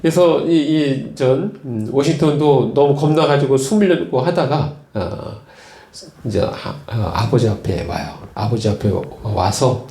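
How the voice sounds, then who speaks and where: A male pastor preaching a sermon, retelling stories slowly with frequent fillers and repeated words. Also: medium pitch, lively intonation, creaky, warm tone, roomy sound. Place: church.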